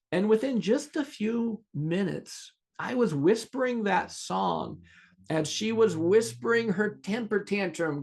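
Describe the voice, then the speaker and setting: Gravelly-voiced man telling a teaching story. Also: on the high side. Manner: earnest, animated storyteller with restarts. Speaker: podcast host.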